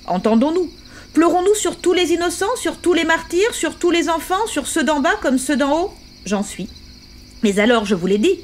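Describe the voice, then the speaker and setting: A woman's voice: sits high, slight background noise. A woman reading aloud as a fierce, bitter old revolutionary on his deathbed who speaks in impassioned accusations.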